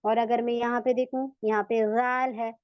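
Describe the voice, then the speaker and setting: A woman's voice: on the high side, level tone, no echo. Patient woman teaching recitation rules. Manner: patient, repeats each step and stretches out sample words slowly. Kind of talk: online tajweed lesson for women. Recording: dull, lo-fi, dry sound.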